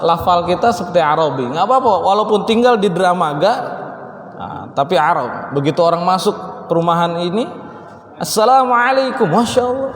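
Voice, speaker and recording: A man teaching Quran recitation rules to a mosque class, joking and teasing his students and drawing out the recited words slowly. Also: high voice. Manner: playful, teasing, mimics exaggerated greetings, slow drawn-out recitation. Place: mosque hall. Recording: echoey mosque hall with long reverb.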